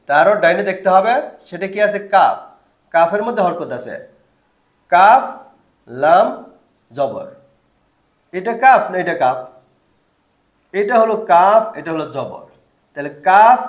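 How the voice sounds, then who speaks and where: In an echoey room, a man with a high-sitting voice gives a step-by-step Quran reading lesson. He poses questions, answers them himself, and draws out the syllables.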